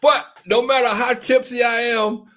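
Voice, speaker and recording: A man's voice: very high-pitched, little pitch movement, unhurried, pushed and bright, slight background noise. A tipsy man hosting casual political commentary, laughing and rambling, repeating himself often. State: a little tipsy. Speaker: show host.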